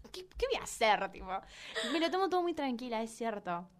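A woman's voice: fairly high pitch, very animated, brisk. A young woman with a Rioplatense accent, chatting casually as a podcast co-host in a laid-back, teasing way. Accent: Rioplatense Spanish. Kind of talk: casual chat.

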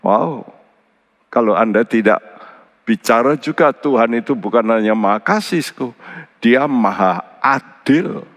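A male pastor preaching in an earnest tone. He keeps turning to the congregation as brothers and sisters. His voice climbs sharply on key words and sinks low and soft on grave ones. The sound carries a long hall reverb. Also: lively intonation, a little slow. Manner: pitch jumps high for emphasis, drops low and quiet for solemn points. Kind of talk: sermon.

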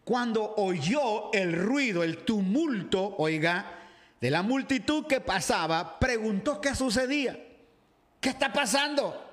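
A man's voice: sits high, slow pace. A man from Ecuador, a pastor preaching in a livestreamed sermon who reads a Bible passage, acts out its crowd and greets viewers' comments by name. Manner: animated, acts out the crowd and shouts in the story. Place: home, dressed casually for a live video.

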